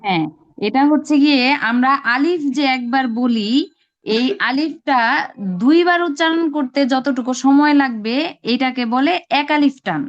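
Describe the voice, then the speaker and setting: A woman's voice: high-pitched, moderate pace. A woman teaching an online class, patiently explaining step by step and drawing out each sound she demonstrates. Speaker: Arabic pronunciation teacher. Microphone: video call. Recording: lo-fi online call audio.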